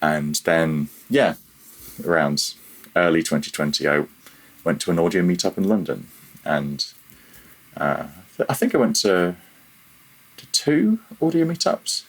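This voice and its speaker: A man with a very deep, husky voice appears as a podcast guest, a freelance audio programmer, in a reflective, casual interview. He feels his way through halting phrases with a modest, self-deprecating touch while sounding very animated. The recording is rough.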